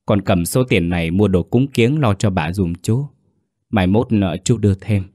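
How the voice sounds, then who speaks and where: A man's voice: fairly low pitch, normal speed, warm tone, no echo, clean studio sound, natural voice. Man doing a stammering, troubled village uncle. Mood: pleading. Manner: stammering, pleading. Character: troubled middle-aged village uncle, stammering, hot-tempered.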